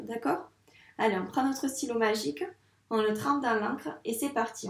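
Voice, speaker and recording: A woman's voice: fairly high pitch, echoey room. A young woman teaching handwriting to young children, patiently asking questions and answering them herself. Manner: patient, questions and answers her own prompts. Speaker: primary school teacher.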